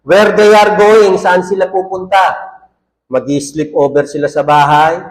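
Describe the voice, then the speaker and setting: A pastor with a high, steady voice preaches a little slowly, and the recording is of poor quality. Throughout the sermon he checks in with the congregation by asking "ano po?" He reads verses aloud in English and mixes English phrases and quotes into his message.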